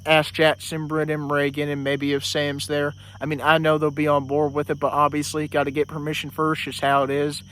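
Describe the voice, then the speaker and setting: A man's voice: fairly high pitch, fairly bright tone. A man vlogging outdoors in a casual, rambling way, full of fillers and restarts, a little out of breath. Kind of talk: casual vlog talk.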